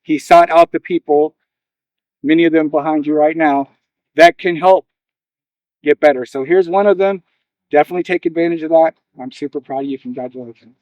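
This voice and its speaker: Male speaker, slightly high voice, earnest and encouraging, informal speech to a gathering, dry sound. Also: fairly even intonation, fairly quick, darkish tone, no room sound, highs cut off. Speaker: ceremony speaker. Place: live gathering, recorded on video.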